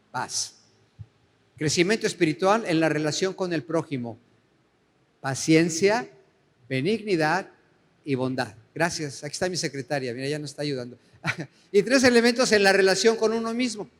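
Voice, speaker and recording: A man preaching a sermon as pastor, asking the congregation questions and slowing down to read scripture aloud. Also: fairly high pitch, big-room sound. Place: church hall.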